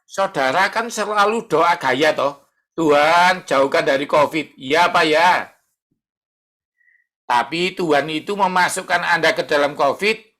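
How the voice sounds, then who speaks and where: A man's voice: a little high, sharp tone. A middle-aged male pastor, preaching a conversational sermon and acting out prayers.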